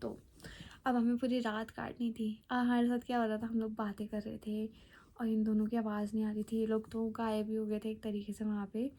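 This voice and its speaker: A woman's voice: a little high, monotone, a little fast, warm tone. Chatty young woman telling a story. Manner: chatty, dramatic retelling with fillers. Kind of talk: casual storytelling.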